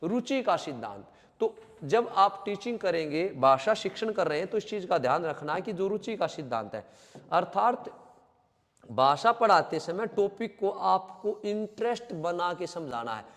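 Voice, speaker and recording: High-voiced male coaching teacher in a reverberant room. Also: big pitch swings, normal speed, fairly bright tone. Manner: explains by repeating and restating terms, addresses students directly. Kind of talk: coaching lecture.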